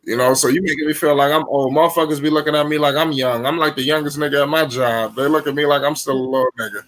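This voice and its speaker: A man in his late twenties hosting a casual sports debate, animated, swearing freely and cutting in. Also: a little high, fast. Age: 20s. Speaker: show host.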